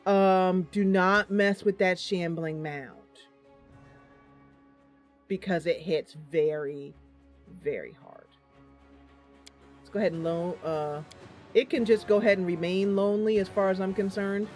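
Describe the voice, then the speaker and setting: A gaming channel host hosts a casual let's-play, thinking aloud through the game with plenty of ums and speaking playfully, directly to her viewers. Her voice is on the low side and steady, unhurried, with long pauses over soft background music.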